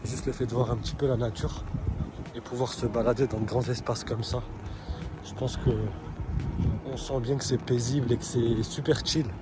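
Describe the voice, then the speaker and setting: A man from France talks through a city walkthrough in a relaxed, chatty way, with lots of pauses and restarts. He is recorded outside, and loud street noise runs under his voice. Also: mid-range voice. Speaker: vlogger. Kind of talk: casual travel vlog walkthrough. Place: outdoors in a city.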